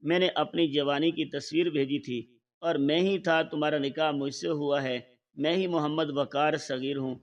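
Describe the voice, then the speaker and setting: Storybook: man reads a soft-spoken, scheming older husband, slow and quiet, slightly distant mic. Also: on the high side, steady tone, highs cut off, natural voice. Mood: quiet, persuasive. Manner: slow, quiet, measured speech. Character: older widowed man, calm and manipulative.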